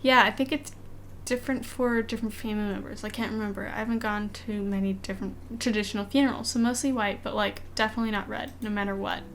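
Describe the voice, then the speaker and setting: A woman streams a video game and chats casually over game music, speaking quickly at medium pitch with fairly even intonation and a slight lisp from the dental aligners she's wearing. She rambles and reads game text aloud between remarks, with slight background noise.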